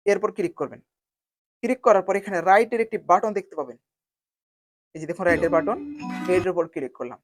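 A woman hosts a video editing tutorial, narrating the software steps one by one in an instructional way and repeating phrases as she spells each out. Her pitch is medium and there is no echo.

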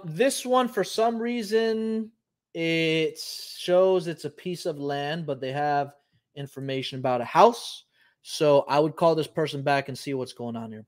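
Taking it slowly in a fairly high voice, this host talks through ideas casually and thinks out loud, using plenty of ums. He's a man in his thirties from Puerto Rico, broadcasting a live show from a home office.

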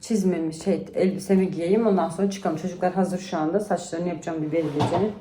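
A woman's voice: lowish voice, steady tone, fast talker, dark tone. A woman and mother talking casually to camera in a home vlog, sounding tired as she vents about her day. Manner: chatty, tired and venting. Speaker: vlogger and mother. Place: at home indoors. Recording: echoey room, faint noise.

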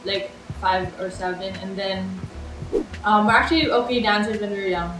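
A young woman hosting a casual question-and-answer chat at a kitchen table, playful and quick to laugh. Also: mid-range voice, steady tone. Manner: chatty, playful, laughs often. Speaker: vlog host. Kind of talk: casual Q and A chat while eating. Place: home kitchen, indoors. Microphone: camera across the table. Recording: roomy kitchen sound, mic at a distance, music under.

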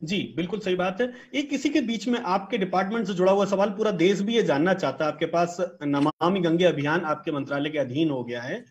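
A man in his thirties with a high voice interviews a guest over a video call. His questions are polite and long, and he fills the gaps with hesitant fillers. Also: a little fast, hardly any pauses. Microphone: video call with earphones.

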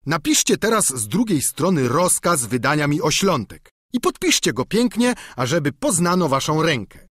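Heard in a lively, dry storybook reading, a simple peasant squire rattles on eagerly in a raised, bouncy voice, as a man puts him on. He is folksy and chatty, all plain talk. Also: fairly high pitch, moderate pace, hardly any pauses, slightly rough, no echo, pitched above the performer's own voice, exaggerated voice. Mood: practical. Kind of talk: audiobook character reading.

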